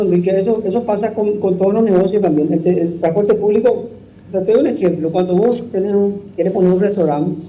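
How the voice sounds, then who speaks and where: A man's voice: high voice, dull audio, slight background noise. A man, a transport official on a studio talk show, who explains patiently like a lecture, with worked examples and frequent use of the host's name. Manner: patient lecturing, gives examples, keeps addressing the host by name.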